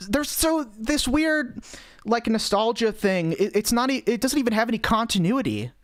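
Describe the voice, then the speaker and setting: A man's voice: very high-pitched, big pitch swings, normal speed, dry recording. A man commenting on videos during a live stream, rambling and sarcastic, with a lot of swearing and filler words.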